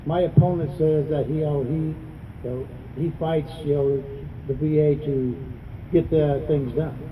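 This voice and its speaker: A man's voice: fairly high pitch, fairly even intonation, a little slow, recorded from a distance, phone-quality sound, slight background noise. A man speaking as a political candidate at a news conference, plain-spoken and adamant, repeating phrases for emphasis. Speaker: congressional candidate and veterans advocate. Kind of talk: campaign speech at a news conference.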